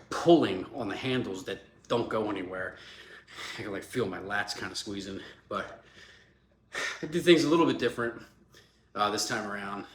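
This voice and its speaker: A man in his forties, a fitness vlogger with a cold, talks in a chatty, loose, rambling vlog style packed with fillers. His voice is lowish and a little bright. Faint hum and echo come from the room.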